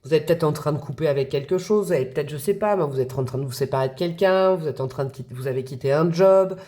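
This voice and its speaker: A woman's voice: low voice, fast, warm tone. A woman giving a casual tarot reading to her viewers, talking in a friendly, hesitant way with many fillers and restarts. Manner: friendly, addresses viewers directly. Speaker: tarot reader.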